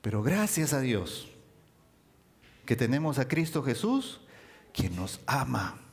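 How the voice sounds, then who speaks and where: Lively-pitched male preacher. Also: slow, breathy edge. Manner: animated, rising and dropping for emphasis. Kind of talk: sermon.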